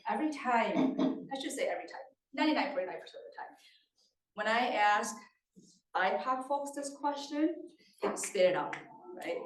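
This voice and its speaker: A woman from Thailand giving a conversational presentation at a community meeting, often checking in with her listeners. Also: mid-range voice. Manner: engaging, often checks in with the audience. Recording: roomy sound from a distant mic.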